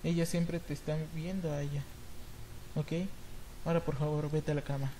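A woman voicing a stern, cold father figure in a video game, speaking low and measured. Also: flat delivery, a little hiss or hum, close to an everyday voice, low-quality recording. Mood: soothing. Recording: loud game music behind voice.

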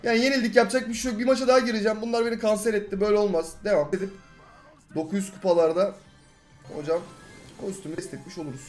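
A young man giving chatty, excitable live commentary over his own gameplay, muttering low one moment and yelling the next. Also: rapid-fire, soft background music. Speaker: gaming YouTuber.

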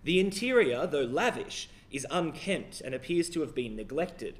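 A man with an Australian accent who narrates a tabletop horror game as game master, in a measured, descriptive way. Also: medium pitch, lively intonation.

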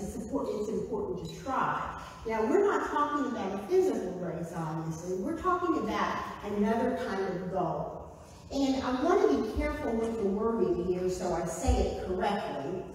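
A woman's voice: medium pitch, distant mic, a little hiss or hum. Texan woman preaching in an echoey sanctuary. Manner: conversational, animated, gestures while preaching. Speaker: pastor. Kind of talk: sermon. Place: church sanctuary, indoors. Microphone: far camera.

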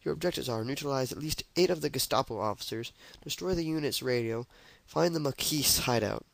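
A French resistance woman briefs a soldier on his mission, her words wrapped in a mock French accent. A young man puts her on as he reads. The voice has a gravelly edge under a middling pitch. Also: a little fast, dry recording, close to an everyday voice. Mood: briefing.

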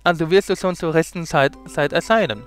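A man's voice: a little high, brisk, close to an everyday voice. A trusting little boy, earnest and slightly raised in tone, as a man reads him aloud. He is a storybook figure, heard over faint guitar music. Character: innocent little boy on his way to grandma.

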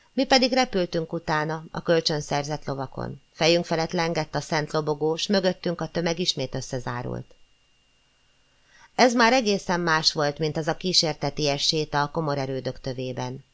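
A woman narrating a classic novel as an audiobook, in a measured, expressive storytelling manner. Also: sits low. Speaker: audiobook reader.

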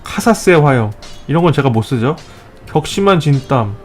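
A man hosting a let's play, giving joking step-by-step tips and scolding the enemies he fights, with sudden excited outbursts. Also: fairly high pitch, normal speed, faint music behind. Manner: playful mock-tutorial tone, scolding enemies. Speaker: gaming channel host.

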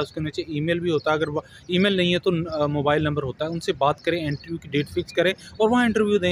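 A man's voice: on the high side, poor audio. A man, giving earnest job advice to viewers in a casual vlog, recorded outdoors on a camera held at arm's length. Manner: earnest, advising, addresses viewers as friends. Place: outdoors on a grassy lawn by buildings. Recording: outdoor ambience with traffic noise.

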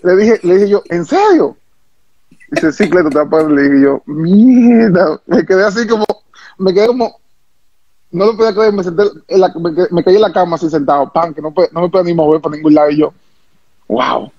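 A former baseball pitcher from the Dominican Republic with a Dominican accent, telling stories in an interview, animated and repeating himself, acting out quotes. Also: male voice, fast, no echo, highs cut off. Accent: Dominican Spanish. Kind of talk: interview storytelling.

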